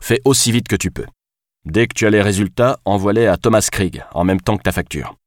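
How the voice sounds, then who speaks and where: A man's voice: lowish voice, brisk, dry recording, clean studio sound, voice pushed up, lightly acted. A male narrator voicing a commanding investigator in a hurry. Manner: firm, commanding.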